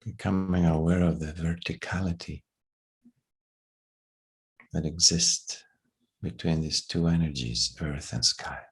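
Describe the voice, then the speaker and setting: Leading a guided meditation, a man speaks in a deep, steady, hushed voice that is soft and breathy. He moves unhurriedly and lets long pauses hang between phrases.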